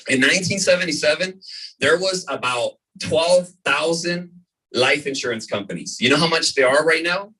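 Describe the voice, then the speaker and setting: An energetic man in his thirties, from the California desert, presents a business opportunity to a live audience. He keeps repeating figures and checking in with "right?". His voice is bright and slightly husky, picked up from across the room. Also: fairly high pitch, moderate pace. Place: meeting room before an audience. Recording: voice from far off in a room.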